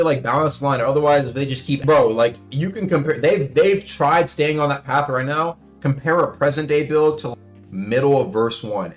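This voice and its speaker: Young male streamer, mid-range voice, rambling casual game talk, light swearing, soft music bed. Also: medium pitch. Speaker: gaming streamer.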